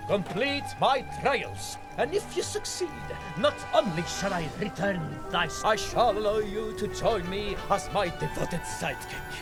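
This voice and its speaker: An actor playing a bumbling, boastful young masked vigilante in a video game, grandiose and mock-archaic, stammering when flustered. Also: male voice, high-pitched, lively intonation, unhurried, few pauses, over music, rough recording. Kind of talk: cartoonish swashbuckling game acting.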